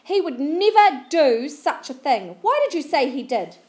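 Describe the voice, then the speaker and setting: A woman's voice: high voice, sing-song, unhurried, darkish tone, voice pushed up. A woman reading the part of a stern girl who scolds a boy firmly. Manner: firm, insistent.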